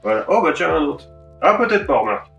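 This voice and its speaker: A man's voice: on the high side, sing-song, quick pace, creaky, fairly bright tone, reverberant, recorded from a distance, highs cut off, soft background music. A man chatting casually while sorting through a pile of DVDs, wry and grumbling, swearing offhandedly. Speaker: DVD collector vlogger.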